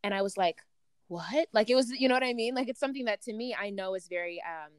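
A woman from Uganda hosting an interview, animated and hesitant with restarts. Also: medium pitch, fast, clean tone, no room sound. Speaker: interviewer, host. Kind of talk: conversational interview.

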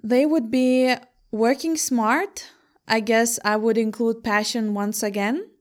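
A woman's voice: a little high, fairly even intonation, slow. Lithuanian-born woman answering interview questions. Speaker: interviewee, entrepreneur.

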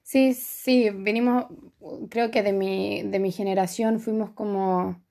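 A young woman from Chile with a Chilean accent, a podcast guest telling her story in a relaxed way and laughing easily. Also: medium pitch, slow pace, creaky. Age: young adult. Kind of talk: casual interview chat.

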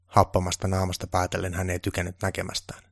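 Male storyteller, calm storybook narration, very low voice, gravelly. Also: dry recording, studio quality.

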